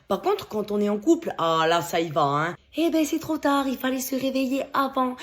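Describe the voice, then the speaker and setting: A woman's voice: high voice, animated, normal speed. Chatty woman comedian. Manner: chatty, teasing. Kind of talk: comedy monologue.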